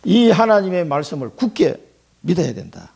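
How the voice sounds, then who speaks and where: A male pastor delivers a lively Sunday sermon. His voice sits fairly high and swings widely in pitch. It has a gravelly, husky grain as he acts out quoted lines and puts questions to the congregation. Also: normal speed. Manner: animated preaching, acting out quoted speech, asking the congregation questions.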